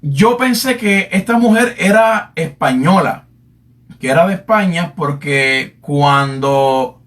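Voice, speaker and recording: High-pitched guy preaching a bible lesson, repeats himself a lot, kinda far from the mic. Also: lively intonation, slow, fairly bright tone. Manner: repetitive, addresses listeners as "amado", many fillers. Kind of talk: sermon-style Bible teaching.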